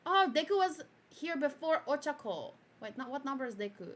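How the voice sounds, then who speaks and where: A young Afrikaans-first-language woman casually chats through an anime review, reacting to an old video of herself with giggles, loud outbursts, and quiet muttering. She talks a little fast in a high voice with big pitch swings, and there's a little hiss or hum in the audio.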